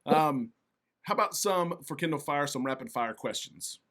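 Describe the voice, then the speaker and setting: A man hosting a casual interview, agreeable and quick to echo short affirmations. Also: a little high, animated, fairly bright tone. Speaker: interview host.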